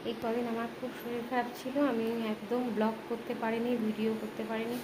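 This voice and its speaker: A tired woman chats slowly and softly while she cooks in her home kitchen. Her voice sits a little high. Loud noise runs under the whole recording. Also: level tone. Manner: speaks slowly and quietly. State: tired and unwell. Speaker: vlogger. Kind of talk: casual cooking vlog talk.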